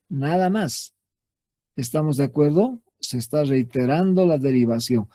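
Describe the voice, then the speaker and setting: Patient math teacher, dry close sound. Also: male voice, on the high side, warm tone, no echo. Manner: patient, repetitive, checks in with frequent "¿sí?". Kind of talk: classroom lecture.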